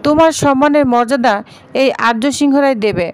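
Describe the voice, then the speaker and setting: A proud, protective young hero giving a solemn promise, as a woman narrator reads his lines. The voice stays high, with no attempt at a male tone. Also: brisk, close to an everyday voice. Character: ailing wealthy young man, protective and proud.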